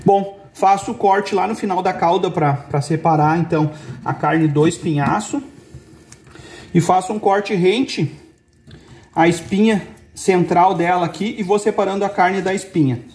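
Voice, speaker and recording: A Brazilian man in his forties who hosts a fishing channel calmly demonstrates, step by step, how to fillet a fish, pointing things out as he goes. His voice is high-pitched and measured, and he's in an indoor kitchen with brick and wood walls.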